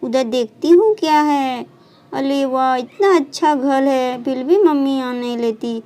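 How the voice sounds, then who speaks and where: A stubborn, playful little girl , acted by a woman, pleads and chatters eagerly in a doll storybook. Her voice is high and pushed up in pitch, with a slow, careful delivery. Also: mellow.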